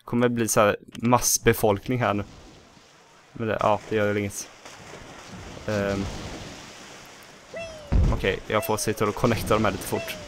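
Swedish dude doing let's play commentary, talks to himself, swears a lot, bit of hiss. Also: male voice, on the low side, long pauses. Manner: chatty, self-talking, swears at mishaps, bursts into excited shouts. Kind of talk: casual game commentary.

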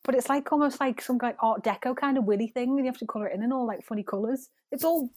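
A woman's voice: fairly high pitch, fast, a little mellow, dry recording. A woman in her forties with a Scouse accent, a podcast guest chatting casually and laughing often. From Liverpool, England. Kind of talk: casual chat.

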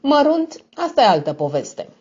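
A woman's voice: high voice, big pitch swings, a little mellow, voice pushed up. Sneering blackmailer, as a woman puts him on. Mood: mocking. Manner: mocking, affected tone. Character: smug sneering young male blackmailer. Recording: dull lo-fi recording.

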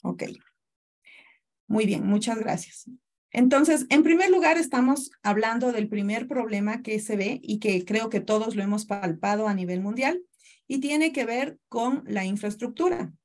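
A woman's voice: a little high, measured pace, a little mellow. A woman from Ecuador in her thirties presents a webinar over a video call, speaking courteously and explaining step by step. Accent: Ecuadorian Spanish. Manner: courteous, greets attendees by name, explanatory. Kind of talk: online presentation.

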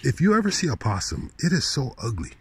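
A guy vlogging on his phone as he strolls a park path after dark keeps tossing out slangy, disbelieving asides in a loose ramble. He talks fast in a mid-range, slightly rough voice that swings widely in pitch.

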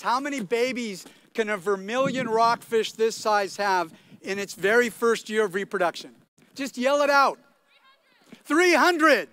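High-voiced older man quizzing a crowd. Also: bright, forceful tone. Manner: playful, quizzing the audience. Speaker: commencement speaker. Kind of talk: lively speech to a crowd. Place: outdoor stadium ceremony. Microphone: podium mic.

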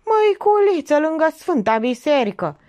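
A woman's voice: sits high, big pitch swings, darkish tone, pitched above the performer's own voice. A woman voicing a blunt, earthy older woman who talks in a coarse rustic way. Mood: pious alarm. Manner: coarse, rustic country speech.

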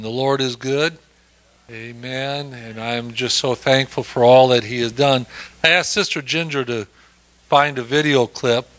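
Slow, folksy male church teacher. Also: medium pitch, a bit bright. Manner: folksy, frequent amens, easygoing asides. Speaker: lay preacher leading Bible study.

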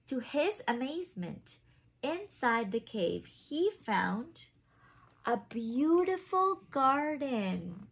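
A husky, somewhat high-pitched woman in her thirties leads story time, reading a picture book expressively to children. She slips in simple questions for her young audience from a small room inside a home.

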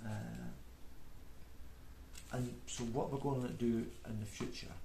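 This casual vlog comes from a man in his forties, a beginner painter with a broad Scottish accent, who rambles hesitantly and puts himself down. He speaks slowly in a warm, creaky, mid-range voice with fairly even intonation, recorded at a table in an indoor room by an off-camera mic, with roomy echo, background noise and clicks.

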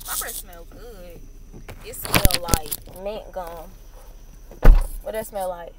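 The recording is very noisy as a young woman vlogs into a phone at arm's length, joking and teasing, first in a car and later in a small room. Her voice is on the low side, and she takes her time speaking in this casual chat to camera.

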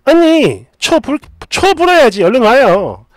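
A woman voicing a young sister-in-law who pleads and tries to calm things down. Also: sits high, measured pace, no room sound, pitched above the performer's own voice. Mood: coaxing.

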